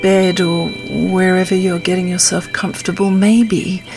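A woman host guiding a calm grounding exercise, soothing and unhurried, leaving long pauses between short phrases. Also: on the low side. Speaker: host of a meditation podcast. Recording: music behind the voice. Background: clear music.

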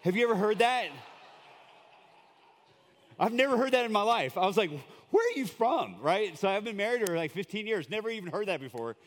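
A man's voice: sits high, lively intonation, fairly quick, long pauses, a bit bright, big-room sound. A man from Colombia preaching as a guest in a church, in a chatty, joking way with lots of fillers. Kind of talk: conversational sermon. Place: church sanctuary.

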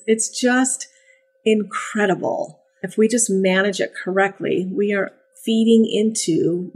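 This woman's voice is husky and mid-range as she chats on a casual podcast about breeding and training puppies. When she mimics puppy voices or praise, she becomes animated and sing-song.

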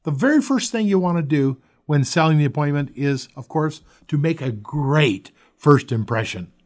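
A man's voice: fairly high pitch, animated, moderate pace. A man hosting a podcast, coaching listeners on sales and acting out sample phone lines. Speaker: podcast host, roofing sales expert.

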